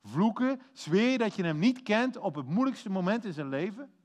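Animated man telling a sermon story. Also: high voice, moderate pace. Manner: animated storytelling, acting out quotes, self-correcting. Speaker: preacher. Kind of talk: lively children's sermon.

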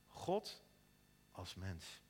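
A man's voice: drawn-out words, a little mellow, big-room sound. A man preaching an earnest sermon in a church, sometimes stumbling over repeated words. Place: church in Eindhoven.

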